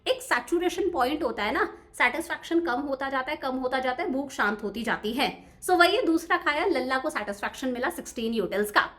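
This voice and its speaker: Young female teacher, high voice, animated, chatty lecture style. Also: brisk, few pauses. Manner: chatty, addresses students directly with repeated check-ins.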